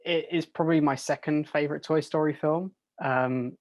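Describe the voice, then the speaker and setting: A man's voice: on the high side, steady tone, normal speed, a little mellow, no echo. A man guest on a podcast, talking in a hesitant way, with many restarts and hedges. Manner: hesitant, full of restarts and hedging. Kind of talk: casual podcast chat.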